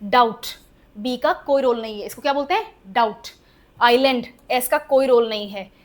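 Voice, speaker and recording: Her voice sits on the high side at a moderate pace as this English teacher runs a lively spelling lesson. She chats with the class, quizzes them to check they follow, and laughs at the rules' odd quirks.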